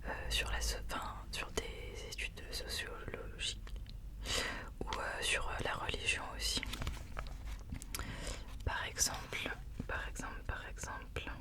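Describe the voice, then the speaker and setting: Someone speaking in a hushed, unvoiced library whisper, sharing and reading books in an informal ASMR style. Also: a little slow, long pauses. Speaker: ASMR host. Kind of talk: whispered ASMR book recommendations and reading aloud.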